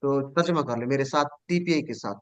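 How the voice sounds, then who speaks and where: A man teaching Quranic Arabic in an online class, patiently saying each verb form slowly and having students repeat it after him. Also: mid-range voice, clean tone, no echo.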